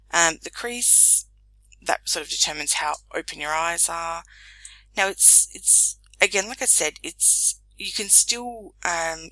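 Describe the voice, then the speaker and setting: A woman's voice: on the low side, creaky, sharp tone, dry recording, low-quality recording. A woman giving a casual, rambling product review, with many ums, while losing her voice. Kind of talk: casual screen-recorded review.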